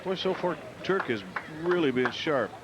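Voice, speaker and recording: A man's voice: on the high side, animated, normal speed, highs cut off. A man giving conversational baseball color commentary in a folksy, colloquial way. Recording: noisy outdoor ballpark broadcast. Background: ballpark noise.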